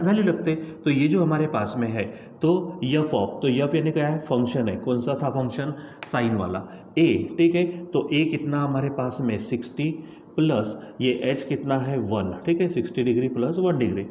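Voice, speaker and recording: A man's voice: medium pitch, warm tone. A man teaching a maths lesson, walking his students through each step and repeating the values aloud. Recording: echoey room with faint noise.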